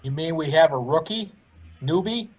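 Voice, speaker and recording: A man's voice: fairly high pitch, animated, normal speed, a little mellow, slightly rough. Friendly man, muffled call audio. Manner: friendly, chatty. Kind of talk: casual chat. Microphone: video call. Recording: dull lo-fi video call audio.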